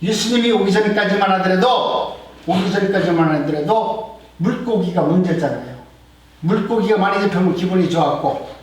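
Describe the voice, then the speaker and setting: A high-voiced middle-aged male pastor preaches earnestly, his volume swelling and then sinking low. He sounds set back from the mic, and his words ring through a very echoey church hall. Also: far from the mic. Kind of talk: sermon. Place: church sanctuary.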